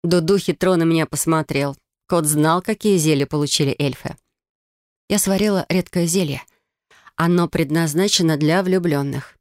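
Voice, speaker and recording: A woman narrating a first-person fantasy audiobook in a lively way. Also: sits low, moderate pace, no room sound, clean studio sound. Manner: lively, voices characters' lines.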